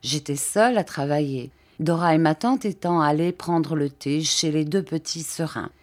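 A woman reading a classic novel aloud as audiobook narrator, in a measured, careful storytelling manner. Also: low-pitched, darkish tone. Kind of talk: scripted literary narration.

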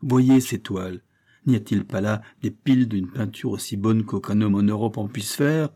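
A man's voice: on the low side, moderate pace, warm tone. Man doing a fiery young painter. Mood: indignant. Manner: heated, declamatory. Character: passionate young male painter Karl, fiery.

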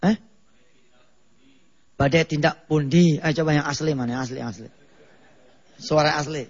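A man preaching a lively, joking mosque sermon, playfully mimicking regional accents. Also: on the high side, quick pace, slightly rough. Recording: dull muffled TV broadcast audio.

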